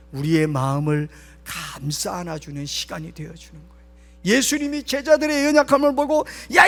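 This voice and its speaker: High-voiced man preaching in a hall. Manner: emphatic preaching, drops to whispers for stress. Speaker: pastor. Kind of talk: sermon at a late-night prayer meeting. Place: church sanctuary. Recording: long church hall reverb.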